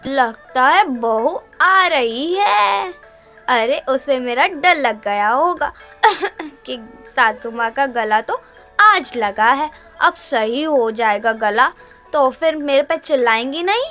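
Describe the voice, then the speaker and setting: A woman's voice: high voice, animated, takes it slowly, faint music behind, exaggerated voice. A woman playing a nagging older mother-in-law with a sore throat who keeps coughing and scolding in a comic family skit. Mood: grumbling. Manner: complaining, scolding, calls out loudly.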